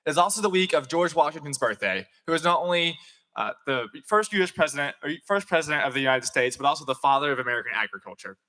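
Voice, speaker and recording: Earnest eighteen-year-old youth leader. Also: male voice, a little high, animated, fast, sharp tone. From Tennessee. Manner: earnest, polite. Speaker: student organization president. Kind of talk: prepared speech. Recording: reverberant chamber.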